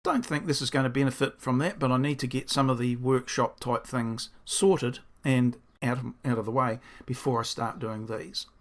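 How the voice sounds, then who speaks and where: Barely pausing, a builder talks through his design at normal speed in a croaky, hoarse mid-range voice. It's a casual video diary full of rambling, self-deprecating thinking out loud.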